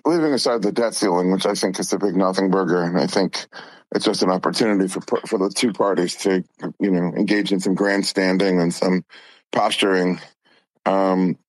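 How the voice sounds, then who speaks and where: A man's voice: sits low, dry recording, rough recording. A man speaking as an interview guest, explaining things conversationally. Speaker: interview guest, company founder and CEO.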